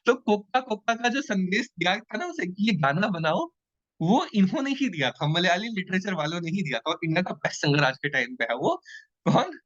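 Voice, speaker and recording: In a dull, dry, lo-fi recording without room sound, a high-pitched man speaking at normal speed delivers an online exam-prep lecture. His teaching is lively and playful, with frequent check-ins with his students.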